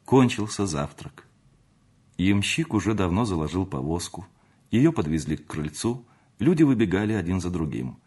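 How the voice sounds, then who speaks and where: Lively, husky male narrator. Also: low voice. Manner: expressive, measured reading. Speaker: audiobook narrator. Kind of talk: scripted narration.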